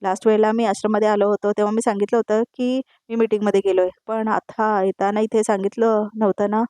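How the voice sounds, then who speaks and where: A woman's voice: mid-range voice, little pitch movement, fast, dark tone, no room sound, lightly acted. A woman voicing a panicky husband who is afraid of his wife, speaking in a flustered, pleading way.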